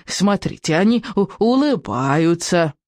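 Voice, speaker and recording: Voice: mid-range voice, very animated, a little slow, a little mellow, no room sound, studio quality. A reader voicing a tiny mischievous male baby dragon who stutters on almost every word. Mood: excited. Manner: stutters on syllables.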